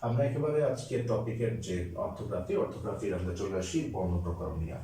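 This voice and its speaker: A man's voice: low voice, lively intonation, a little fast, warm tone, a little hiss or hum. A young man from Bangladesh teaching English grammar at a board, explaining step by step and mixing in English terms. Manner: explains step by step, mixes English terms into Bengali, many fillers. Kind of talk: classroom lecture at a board. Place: classroom with a board. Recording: very echoey room, voice from far off the mic.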